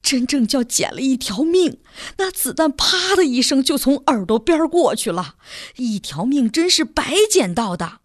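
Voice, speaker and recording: A rattled old grandfather blurting out his fright in quick exclamations , voiced by a woman reading a story aloud. The voice stays fairly high and animated, not deepened much. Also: no echo, studio quality. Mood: shaken. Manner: agitated, exclamatory.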